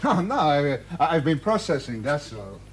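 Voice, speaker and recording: A man's voice: on the high side, sing-song, unhurried. An actor playing a weary, affectionate, homesick ageing spy and father in a television drama. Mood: fond, animated. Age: older. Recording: vintage TV soundtrack, clear background noise.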